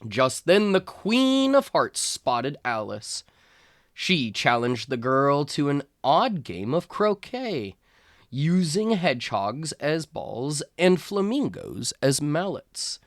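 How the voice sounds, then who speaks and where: In a slightly high voice with lively, swooping intonation, a man reads a storybook to young children. He tells the tale slowly and expressively, taking his time over each phrase, and the sound is close and dry.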